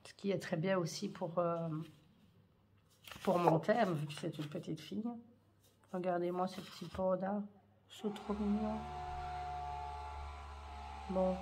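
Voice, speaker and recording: A woman's voice: fairly low pitch, steady tone, slow, pauses often, background noise. A woman chatting hesitantly in a craft haul vlog, full of fillers and gushing over cute items. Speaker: scrapbooking haul vlogger. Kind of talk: casual show-and-tell chat.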